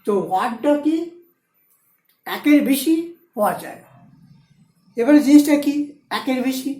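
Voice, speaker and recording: A woman teaching a shorthand class, explaining each rule slowly and repeating the key points. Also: high voice, animated, dark tone, reverberant, low-quality recording. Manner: repeats key points, switches between Bengali and Hindi. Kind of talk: explaining rules step by step in a lesson.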